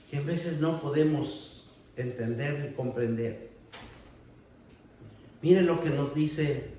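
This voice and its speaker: Slow, echoey man preaching in church. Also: fairly high pitch, darkish tone, a little hiss or hum. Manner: slow, deliberate preaching with raised emphatic passages. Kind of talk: sermon with Bible reading. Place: church hall. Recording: very echoey, distant mic.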